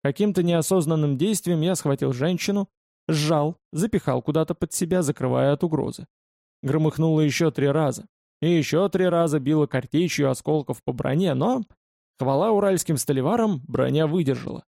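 Expressive male audiobook narrator, mellow tone. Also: fairly high pitch, normal speed, gravelly, no echo, studio quality. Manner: expressive, colloquial storytelling. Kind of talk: first-person audiobook narration.

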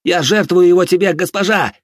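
A man's voice: mid-range voice, a little fast, a little mellow, no room sound, studio quality, lightly acted. A man voicing a grim young warrior who raises the dead, barking harsh commands. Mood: fierce.

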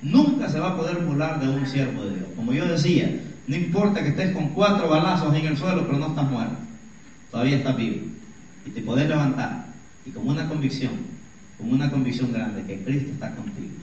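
A man's voice: medium pitch, lively intonation, fairly quick, a little mellow, a little hiss or hum. A middle-aged man, a pastor who preaches an emphatic sermon, telling stories and calling the congregation brothers. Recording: echoey church hall, distant dull mic.

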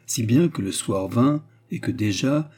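A man narrating a literary novel in a measured, even storytelling manner. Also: medium pitch, breathy edge. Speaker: audiobook narrator.

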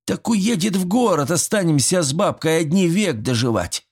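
A man's voice: medium pitch, expressive, normal speed, darkish tone, pitched above the performer's own voice. A man voicing a fussy, good-natured old village grandfather who talks in folksy rural speech, sighing and fretting. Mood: fretful. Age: older.

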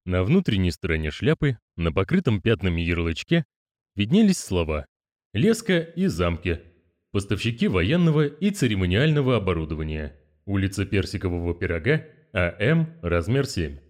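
A man narrating an audiobook in a fairly low voice. His telling is animated, rising and falling through each sentence. The sound is dry and close. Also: normal speed, dry recording. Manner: expressive, storytelling delivery. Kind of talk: scripted narration.

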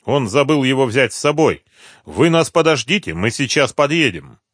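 A man's voice: medium pitch, animated, moderate pace, a bit bright, no echo, studio quality, pitched above the performer's own voice. A man voicing a male caller posing as a friend, speaking in a persuasive, reassuring way. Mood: smooth reassuring.

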